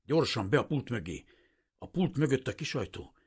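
A man voicing a frightened male shopkeeper who speaks in halting, urgent bursts full of fear. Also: medium pitch, very animated, slightly rough, pitched above the performer's own voice. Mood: panicked.

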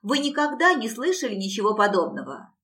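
A woman's voice: a little high, very animated, fairly quick. A woman voicing a cocky young guitarist. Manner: loud, cocky retorts.

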